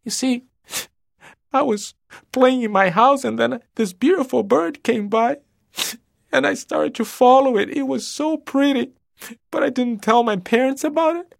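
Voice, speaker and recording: A man's voice: very high-pitched, measured pace, gravelly, dry recording, studio quality, voice pushed up, exaggerated voice. A man voicing a scared lost boy in a storybook tale, pleading and stumbling over his words. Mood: pleading frightened.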